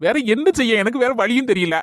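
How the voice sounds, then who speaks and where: A woman voicing a calm, teasing young husband in a comic skit, with a Kanyakumari Tamil accent and a steady, coaxing manner. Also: fairly high pitch, quick pace, no echo, studio quality, close to an everyday voice.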